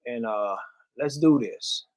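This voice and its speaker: A man's voice: medium pitch, takes it slowly, darkish tone. A man casually chatting as host of his own live stream from a music studio, loose and rambling, with lots of fillers.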